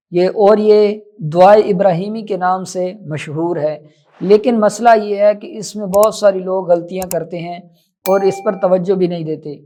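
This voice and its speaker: A man with a notably high-pitched voice gives a tajweed lesson in a measured, instructive way. He explains points briskly, then slows right down to draw out each recited word. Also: a little mellow. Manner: switches between brisk explanation and slow, drawn-out recited words. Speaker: Quran recitation teacher.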